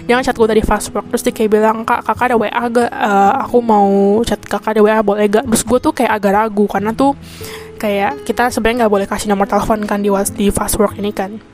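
A woman's voice: medium pitch, fairly even intonation, fast, a little mellow, faint music behind. A young woman with Jakarta slang, venting in a rambling, chatty monologue full of self-corrections. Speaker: podcast host.

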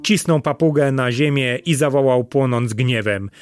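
Measured male fairy tale narrator. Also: mid-range voice, no room sound. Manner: measured, slowing for solemn moments. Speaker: storyteller. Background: faint guitar music.

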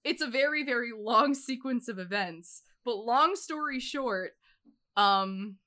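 A woman's voice: fairly high pitch, lively intonation, measured pace, bright, forceful tone. An American woman hosting a podcast, chatting casually, blunt and rambling, swearing freely. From United States. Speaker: podcast host.

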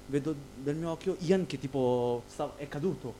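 A man's voice: fairly high pitch, normal speed. Slangy young man telling a story. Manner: animated storyteller, slangy, many restarts. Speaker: podcast co-host. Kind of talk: casual chat. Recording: noisy with a steady hum.

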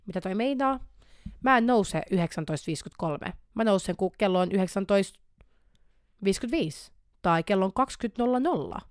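A young woman hosts a podcast, speaking candidly and animatedly about her own struggles, often restarting, repeating words, and slipping in English words. Her mid-range voice is expressive and smooth, recorded in a clean studio with no echo.

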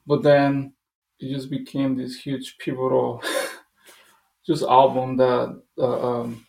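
A man's voice: a little high, gravelly, darkish tone, reverberant. A man from Costa Rica, a musician guest, talking loosely and eagerly in a casual interview. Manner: loose and enthusiastic, full of "like" and "dude".

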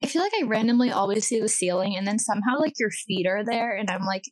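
A woman's voice: medium pitch, animated, fast talker, no echo. Young woman on a podcast, earnest, rambly, dead dry mic. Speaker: podcast guest.

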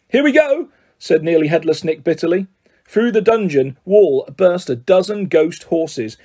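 Husky-voiced man reading a storybook. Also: sits high, darkish tone. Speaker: reader. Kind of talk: reading a children's novel aloud.

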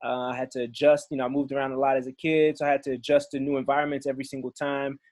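A man's voice: mid-range voice, little pitch movement, very fast, a little mellow, no room sound, studio quality. Easygoing man. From Belgium and Congo. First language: French. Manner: friendly, easygoing storytelling. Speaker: guest musician. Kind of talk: casual podcast chat.

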